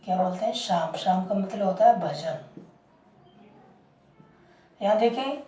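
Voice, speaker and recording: A woman teaching a lesson who talks slowly and keeps asking the class questions and repeating the answer. Her voice sits a little high but has a soft, mellow tone. She is recorded from a distance in an echoey room. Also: animated, faint music behind. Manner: slow, repeats words and asks the class questions. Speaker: English teacher. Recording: roomy, distant mic.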